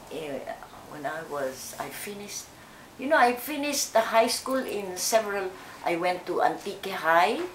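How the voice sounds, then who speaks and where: An older woman speaks slowly and haltingly, pausing often and starting her sentences over. Her voice sits a little low. The room is echoey, with faint noise underneath. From Philippines. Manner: slow, hesitant, with many fillers and restarts. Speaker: interviewee. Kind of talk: oral history interview.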